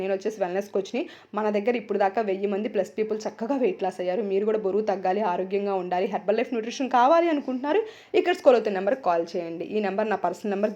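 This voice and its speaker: A woman in her thirties, a wellness coach, chatting loudly and energetically in a casual vlog. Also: mid-range voice, lo-fi sound. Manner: loud, fast, energetic chatter.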